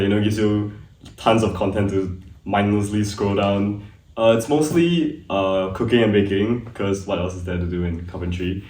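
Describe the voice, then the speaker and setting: A young man in his twenties from Singapore, a student guest talking casually and laughing easily. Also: fairly low pitch. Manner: relaxed, chatty, laughs easily. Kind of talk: casual chat. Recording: echoey room, mic at a distance.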